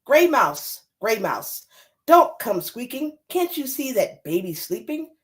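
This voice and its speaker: Anxious young-child's mama for a picture book, woman reader: pleading, hushing, sing-song, swooping intonation. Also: on the high side, very animated, slow pace. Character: anxious mother hushing animals to protect her sleeping baby.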